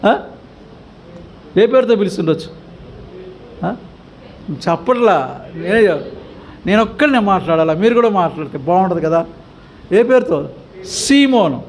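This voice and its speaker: A man's voice: sits high, a little hiss or hum. A male pastor with a Telugu accent teaching the Bible, questioning his congregation over and over and pushing them to answer, with English words dropped in. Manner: mixes English words into the talk.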